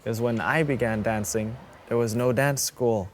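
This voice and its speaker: A man's voice: medium pitch, steady tone, moderate pace, slight background noise. A man from Greenland who founded a dance school, speaking earnestly in an interview.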